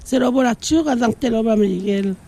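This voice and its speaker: A woman's voice: a little high, a little fast, warm tone. A woman from Palau with a Palauan accent conducts an informal interview, searching for words and switching between two languages.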